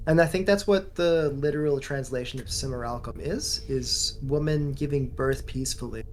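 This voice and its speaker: A man's voice: mid-range voice, moderate pace, darkish tone, faint music behind. A man co-hosting a let's play over a voice call, talking in playful, rambling bits that trail off. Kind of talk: casual gaming commentary.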